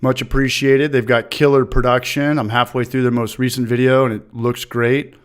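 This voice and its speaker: A man's voice: mid-range voice, flat delivery, normal speed, smooth. Upbeat man hosting a stream. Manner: upbeat, greets chat viewers by name. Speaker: livestream host. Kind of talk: casual live chat.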